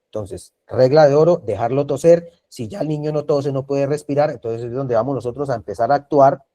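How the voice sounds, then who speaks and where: Man, Colombian Spanish accent, first aid instructor, mellow voice, video call class, repeats points and checks in. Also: medium pitch, fairly quick. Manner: repetitive, checks in with frequent tag questions. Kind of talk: online class lecture.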